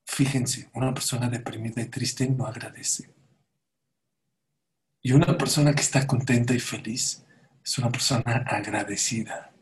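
Man, sermon, animated storytelling, middle pitch. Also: moderate pace. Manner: animated storyteller, acts out quoted voices.

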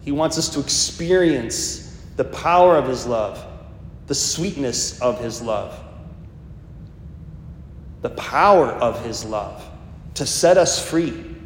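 A man's voice: medium pitch, lively intonation, slow, long pauses, a little hiss or hum. A priest in his fifties giving a homily in a conversational, storytelling way. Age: 50s. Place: church. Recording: echoey church, long reverb, faint ambience.

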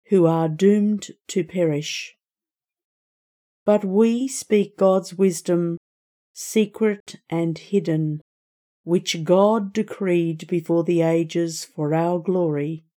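A woman reading scripture as a lector in a solemn, deliberate liturgical style. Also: fairly low pitch, dark tone.

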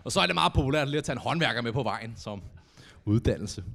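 A young man performing a stand-up comedy set on stage, telling stories animatedly and acting out quotes with sudden shouts. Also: medium pitch, vocal fry, slight background noise. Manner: animated storytelling, acts out quotes with big shouts. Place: comedy stage before a live audience.

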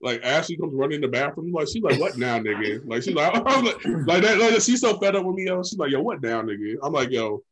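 A young man with a slightly high voice tells stories in loose, casual podcast chat. His delivery is animated and full of profanity. He keeps reaching for "like" and "you know what I'm saying" as he goes. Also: quick pace, a crowd in the background, poor audio.

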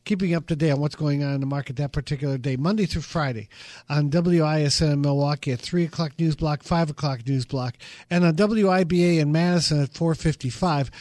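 A man's voice: a little high, fairly quick, darkish tone, no echo, clean studio sound. A man hosting a radio show about retirement investing, chatting loosely with plenty of fillers and self-deprecating jokes. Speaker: investment firm head, show host. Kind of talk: casual radio talk. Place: radio studio. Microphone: studio microphone.

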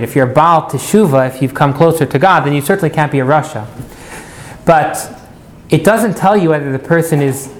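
Higher-pitched man teaching a class, noisy recording. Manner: asks questions, polls the room, repeats key points. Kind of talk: teacher to class, interactive lecture with questions to students.

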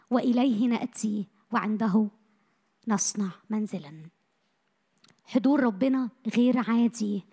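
A woman preaching a sermon to young people, passionate, moving from loud bursts to hushed lines, her voice a little tired. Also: a little high. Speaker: missionary speaker. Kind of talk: sermon to a youth meeting.

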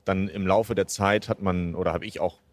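A man's voice: low-pitched, steady tone, moderate pace, dry recording. A man in his thirties from Bremen, chatting in an outdoor interview with many fillers and restarts. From Bremen, Germany. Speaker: interviewee, football fan. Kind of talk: casual interview. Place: outdoors at a stadium.

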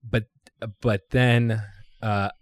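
A man's voice: on the low side, steady tone, very slow, no echo, clean studio sound. A young man in casual chat, telling a story in a rambling way with lots of restarts, laughs and swearing.

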